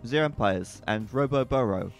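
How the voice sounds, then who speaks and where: A man casting an esports match live, chatty and quick to laugh. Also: medium pitch, vocal fry. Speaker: esports caster. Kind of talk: live game commentary. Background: faint background music.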